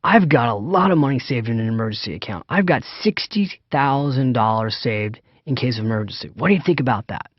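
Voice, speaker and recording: A man's voice: mid-range voice, expressive, brisk, hardly any pauses, no room sound, dull audio, close to an everyday voice. A man voicing an earnest, rambling male seminar attendee who stumbles over his words. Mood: matter-of-fact.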